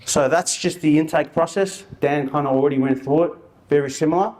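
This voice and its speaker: A man's voice: a little high, a little fast, a little mellow. Informal male presenter. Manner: colloquial and anecdotal, with slang and re-enacted dialogue. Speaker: outreach worker presenting to an audience.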